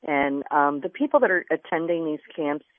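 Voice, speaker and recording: A woman's voice: deep voice, lively intonation, moderate pace, dry recording. A woman from Florida, a journalist and environmentalist, explaining earnestly as a radio interview guest over the phone. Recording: tinny phone line.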